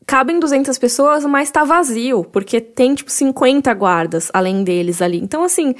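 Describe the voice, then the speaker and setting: A woman co-hosting a relaxed podcast, with a fairly high voice. She explains eagerly and at length, peppering her talk with fillers. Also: moderate pace. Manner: enthusiastic, explains at length with many "né" and "tipo". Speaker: podcast co-host. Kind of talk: casual chat about a book.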